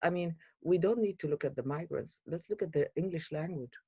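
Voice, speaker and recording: A woman from Iraq, a guest in an interview, speaking earnestly and hesitantly with many pauses and fillers. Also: low voice, dark tone, husky, no echo.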